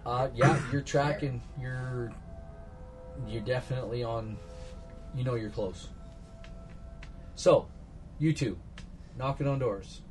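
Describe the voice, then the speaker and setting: A man's voice: medium pitch, slow, pauses often. A man narrating as game master, improvising loosely with fillers. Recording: background music.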